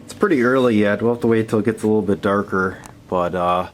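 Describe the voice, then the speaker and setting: A hobbyist narrates a hands-on shortwave radio reception video, speaking fast in a lowish voice and thinking aloud without a script. The amateur camera recording carries heavy background noise.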